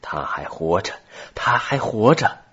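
A man's voice: on the low side, big pitch swings, a little slow, a bit bright, breathy edge, dull audio, exaggerated voice. A man voicing an anxious, fatherly nobleman who speaks with urgency. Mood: overjoyed.

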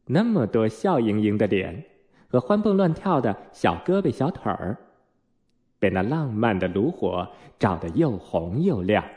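Slow, expressive male storyteller. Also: lowish voice. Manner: expressive, unhurried. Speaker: narrator. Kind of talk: storybook reading.

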